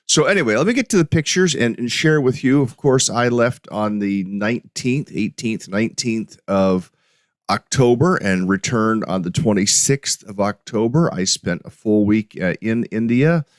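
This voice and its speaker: A middle-aged man with a very low, deep voice talks through a casual solo podcast. His delivery is halting and full of restarts and fillers, recorded close and dry with no room sound. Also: animated, dry recording. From United States. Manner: hesitant, many restarts and fillers. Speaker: podcast host.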